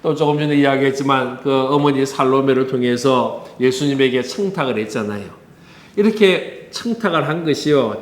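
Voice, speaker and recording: In a church with an echoey sound, a pastor with a Busan Korean accent gives a conversational sermon, keeping it moving with rhetorical questions. His voice is medium in pitch.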